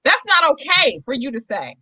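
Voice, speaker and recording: A woman's voice: sits high, very animated, moderate pace, pushed and bright, no echo. A woman co-hosting a casual chat podcast, blunt and emphatic. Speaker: podcast co-host.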